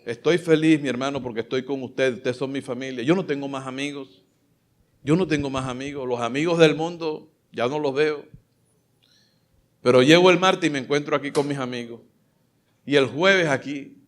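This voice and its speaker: A man preaching a sermon as pastor, fervent, swinging between loud exclamations and soft asides. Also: medium pitch, moderate pace.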